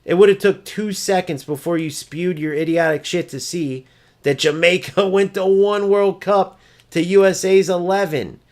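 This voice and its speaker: A man's voice: high-pitched, steady tone, moderate pace, darkish tone. A man ranting over gameplay footage, exasperated, profane and mocking as he vents about an opponent. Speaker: gaming streamer.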